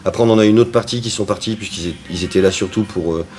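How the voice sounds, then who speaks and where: Chatty restaurant guy talking quick, lowish voice, lots of ums. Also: darkish tone. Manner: chatty, with frequent hesitations. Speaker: restaurant owner and cook. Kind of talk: casual interview answers.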